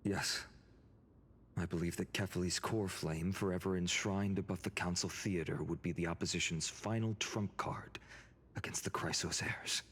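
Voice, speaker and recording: An actor playing an earnest young hero in a video game, speaking politely and in a measured way. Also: male voice, sits low, steady tone, a bit bright, husky. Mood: serious, measured.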